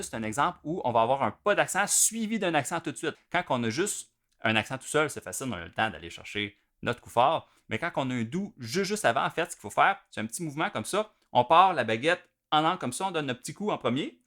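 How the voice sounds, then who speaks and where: Bright-voiced man teaching drums. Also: a little high, lively intonation, fast talker. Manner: patient, step-by-step explaining. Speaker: drum teacher. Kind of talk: instructional video explanation.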